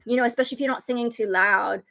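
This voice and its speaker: Talking very fast in a slightly high, pushed, bright voice with vocal fry, this exhausted woman streamer and metal vocalist casually walks through how to scream. Fillers pile up in her loose explanations. She keeps cutting in with harsh unvoiced scream demos.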